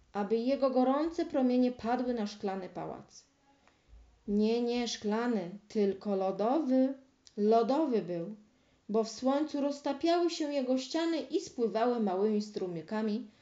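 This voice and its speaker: Slow, mellow woman reading a fairy tale. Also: medium pitch. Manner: slow, expressive storybook narration. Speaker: storyteller. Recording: roomy, dull lo-fi recording.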